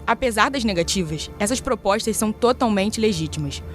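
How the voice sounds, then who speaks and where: A woman's voice: mid-range voice, expressive, a little fast, faint music behind. A Brazilian woman giving earnest scripted narration for a podcast.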